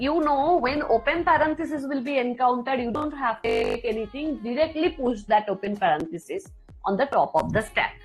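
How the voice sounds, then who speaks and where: A woman with an Indian Bengali accent, a native Bengali speaker, lecturing step by step as a teacher in a deliberate, repetitive way. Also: high-pitched, lively intonation, faint music behind, poor audio. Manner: deliberate, repetitive explaining, switching languages. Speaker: computer science teacher.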